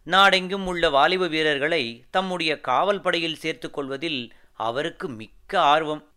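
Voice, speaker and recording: A man narrating an audiobook of a historical novel in a measured, formal storytelling manner. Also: on the high side, pushed and bright, clear, resonant tone.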